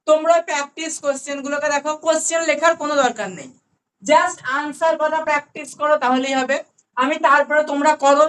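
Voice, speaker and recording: High-voiced Bengali woman teaching grammar. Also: a bit bright, slight background noise. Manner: explains patiently, repeating key words slowly and checking understanding. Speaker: English grammar tutor. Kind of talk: online class lesson.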